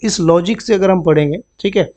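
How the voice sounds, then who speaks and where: A man's voice: high voice, brisk, a little mellow. A man teaching vocabulary in a classroom style, often repeating words and checking with "understood?". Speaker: banking exam vocabulary teacher. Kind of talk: Hindi-English classroom explanation.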